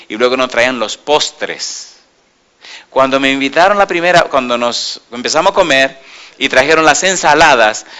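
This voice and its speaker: A man's voice: medium pitch, clean tone. A man preaching a sermon to a congregation, asking them yes-or-no questions and telling stories with quoted dialogue. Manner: asks the congregation call-and-response questions; storytelling with quoted dialogue, swings from loud to quiet.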